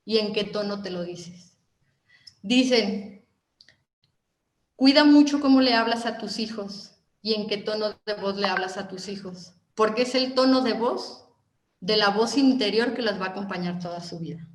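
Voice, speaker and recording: A woman with a Mexican Spanish accent giving a motivational talk, animated and asking her listeners question after question. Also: mid-range voice, moderate pace, echoey room. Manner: animated, asks the audience many questions. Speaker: motivational speaker.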